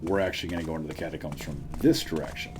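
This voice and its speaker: A man's voice: rumbling low, steady tone, racing. A man giving a casual, joking, self-deprecating video game walkthrough as a let's player. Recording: noisy, with game ambience behind. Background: game sounds.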